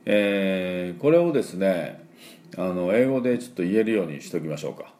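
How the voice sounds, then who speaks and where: A man giving a chatty English pronunciation lesson, with lots of fillers, who slowly sounds out model words. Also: low voice, lively intonation, dark tone. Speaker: English teacher. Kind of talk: casual spoken English lesson.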